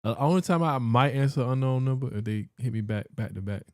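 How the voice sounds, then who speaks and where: A man's voice: medium pitch, fast, darkish tone, dry recording. Slangy man on a dry podcast mic. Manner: slangy, laughing, anecdotal. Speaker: podcast co-host. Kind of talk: casual podcast chat.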